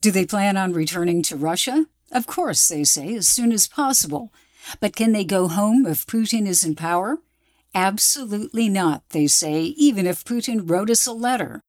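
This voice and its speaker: A woman's voice: mid-range voice, expressive, normal speed, darkish tone, dry recording, studio quality. A woman reporter reading scripted narration for a radio documentary.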